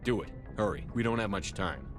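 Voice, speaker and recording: A man's voice: lowish voice, animated, fairly quick, over music, close to an everyday voice. A man playing a stern, resolute space military commander in a video game, terse and commanding.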